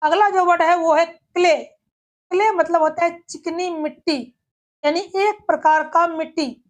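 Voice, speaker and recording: Very high-pitched woman teaching grammar. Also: measured pace, muffled recording. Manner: steady, methodical explaining with rhetorical questions. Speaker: English teacher. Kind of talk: scripted grammar lesson.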